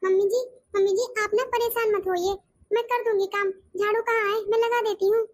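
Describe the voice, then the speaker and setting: A woman voicing a gentle, peacemaking younger daughter-in-law in a cartoon, soft-spoken and thoughtful. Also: very high-pitched, steady tone, brisk, dry recording, studio quality. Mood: helpful. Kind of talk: cartoon voice acting.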